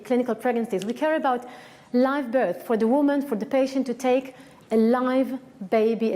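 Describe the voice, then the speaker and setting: Israeli woman, conference lecturer; mellow, slightly high voice, frank and emphatic delivery. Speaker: researcher giving a conference talk. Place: conference hall.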